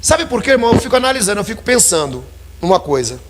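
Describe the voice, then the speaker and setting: A man's voice: high-pitched, very animated, quick pace, faint music behind. A man preaching a sermon in a church, talking conversationally and calling his listeners brothers.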